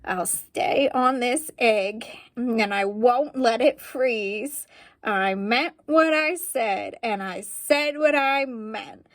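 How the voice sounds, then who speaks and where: A woman voicing a patient, faithful male elephant in a storybook, speaking gently with a grumble. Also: a little high, takes it slowly, dry recording, clean studio sound. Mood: steadfast.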